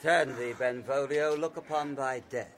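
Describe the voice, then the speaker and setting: A man's voice: medium pitch, fairly even intonation, measured pace, slight background noise, lightly acted. An actor playing a fiery, hostile young male swordsman full of contempt, in Shakespearean stage acting. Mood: menacing. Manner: menacing, contemptuous.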